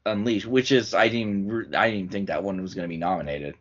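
A man with a fairly low voice hosts a relaxed chat, moving from one category to the next. His voice is wearing out, and the recording sounds dull and lo-fi. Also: fast. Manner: casual, leads through award categories. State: losing his voice. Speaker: podcast host. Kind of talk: casual chat.

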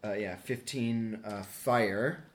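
Very low-voiced, slow woman player. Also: a little hiss or hum. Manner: slow, working through numbers aloud. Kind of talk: tabletop game play.

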